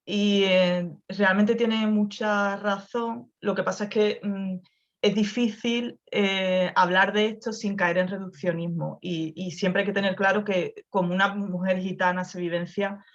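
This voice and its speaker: A woman with a softened Andalusian accent, speaking reflectively on a video call, with many restarts and tag questions. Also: medium pitch, steady tone, measured pace, highs cut off. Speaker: guest author. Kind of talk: conversational talk over video call.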